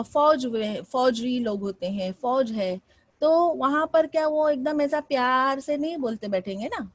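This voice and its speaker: A woman schoolteacher from Mumbai leads a lesson, her voice moving up and down in tone and often turning to her pupils with questions. Her voice sits fairly high. The recording is dry and close. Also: dry recording. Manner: expressive, rising and falling delivery with frequent questions to students. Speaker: teacher. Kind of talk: classroom lesson.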